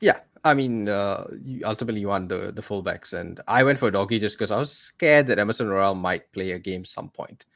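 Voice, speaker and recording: A man's voice: fairly low pitch, a little fast, creaky, hardly any pauses, fairly bright tone. A man co-hosting a casual fantasy football podcast, chatty and exasperated, often calling his partner "mate". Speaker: podcast co-host. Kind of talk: casual chat.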